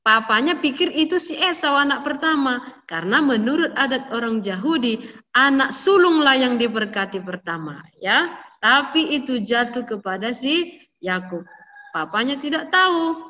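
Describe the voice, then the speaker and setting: A woman teacher telling a Bible story to young children, slow and repetitive, often checking in with "ya". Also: sits high, expressive, sharp tone. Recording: distant echoey dull recording.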